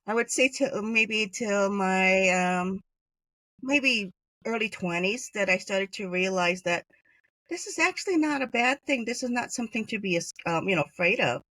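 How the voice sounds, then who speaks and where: A woman's voice: medium pitch, lively intonation, normal speed, a bit bright, dry recording. A middle-aged woman from Hawaii tells personal stories as a podcast guest, loose and chatty, with lots of "um" and "you know." Her voice sits in a mid register and sounds close and dry, with no room around it. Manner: chatty, many fillers, laughs while telling stories. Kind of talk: conversational storytelling interview.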